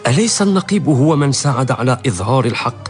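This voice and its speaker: A man playing a prudent, loving husband who counsels in measured, formal speech in a historical radio drama. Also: mid-range voice, animated, faint music behind, close to an everyday voice. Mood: earnest. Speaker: actor in a historical radio serial.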